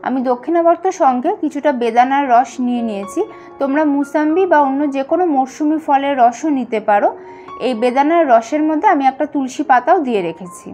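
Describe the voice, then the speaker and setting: A woman with a high, light voice talks viewers through a ritual step by step, calm and unhurried. She addresses them as friends and slows down for each mantra. Soft music plays faintly underneath. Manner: chants mantras slowly. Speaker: home puja demonstrator. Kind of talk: instructional voice-over.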